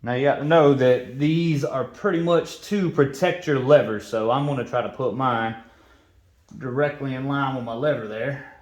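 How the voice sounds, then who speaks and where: A motorcycle vlogger and mechanic explains an install in a relaxed, hands-on way, often dropping to a near whisper as if half-talking to himself while working. His voice is medium-pitched at a normal speed. The sound echoes around a roomy garage.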